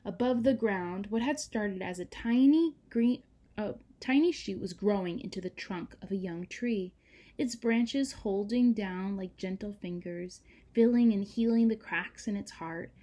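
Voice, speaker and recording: Reading at a measured pace in a mid-range voice, a woman delivers a children's storybook aloud as a teacher might. Her reading features dramatic emphasis and hushed moments, along with friendly asides to young listeners.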